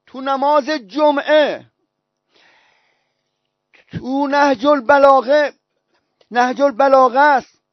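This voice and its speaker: A man's voice: very high voice, fairly even intonation, long pauses, dry recording. A male preacher delivering a sermon, telling stories with emphatic repetition. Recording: dull, dry recording.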